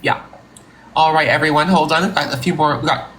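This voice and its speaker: Bright mock-formal boss host. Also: medium pitch, steady tone. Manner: mock-formal, drawn-out phrasing. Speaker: live-stream host playing a company boss. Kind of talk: improvised comedy role-play with callers.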